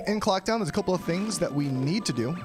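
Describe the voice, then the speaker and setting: A man giving casual live speedrunner commentary, explaining each step of a game to viewers and often clearing his throat. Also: high-pitched, expressive, a little fast, music in the background. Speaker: speedrunner streaming a game challenge.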